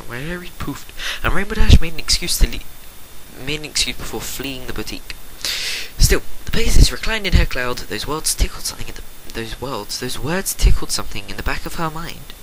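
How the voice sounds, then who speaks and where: An amateur reader gives an unrehearsed, dramatic reading of a story, sounding amused and often stumbling and correcting himself. His mid-range voice is expressive and brisk. The recording is noisy, with loud background noise and clicks.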